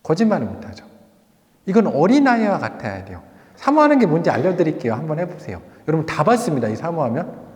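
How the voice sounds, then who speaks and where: Male pastor, slightly high voice, animated sermon storyteller, long church reverb. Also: fast. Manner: animated storytelling with rhetorical questions. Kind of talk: sermon with personal testimony and closing prayer. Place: church sanctuary.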